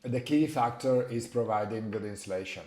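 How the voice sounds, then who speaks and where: A man from Italy with an Italian accent, a native Italian speaker explaining his work as an interview guest and often pausing to search for words. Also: fairly low pitch, darkish tone. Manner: halting, searching for words, frequent hesitations. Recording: roomy, echoing sound.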